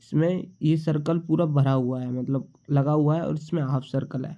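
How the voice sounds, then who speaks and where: A young man with a slight cold walks through shorthand symbols in a relaxed, patient tutorial, repeating each one as he writes it. His voice is a touch high and mellow, and the recording sounds dull and lo-fi. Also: moderate pace. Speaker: shorthand teacher. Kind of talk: casual tutorial explanation.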